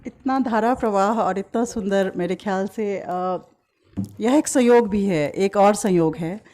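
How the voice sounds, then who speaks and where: Woman emceeing a gallery event, mellow tone, very polite and formal. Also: mid-range voice, unhurried. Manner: polite and formal, addresses guests as ma'am. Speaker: event host. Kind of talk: formal stage hosting. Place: exhibition event in a gallery hall.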